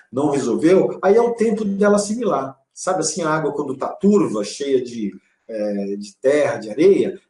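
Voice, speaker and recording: Man, calm explanatory parenting talk, slightly high voice, echoey room. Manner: calm explanatory, with vivid examples. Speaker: co-host and father.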